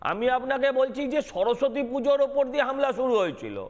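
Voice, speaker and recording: A man's voice: extremely high pitch, animated, quick pace, big-room sound. A man, a councillor making emphatic, accusatory points in a heated TV news debate. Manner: emphatic, accusatory, repeats himself. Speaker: councillor guest.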